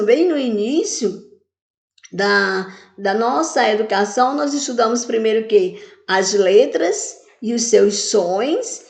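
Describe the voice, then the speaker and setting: A woman's voice: fairly high pitch, reverberant. A woman teaching children in a recorded video lesson, asking questions and answering them herself while stretching words out syllable by syllable. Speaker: primary school teacher.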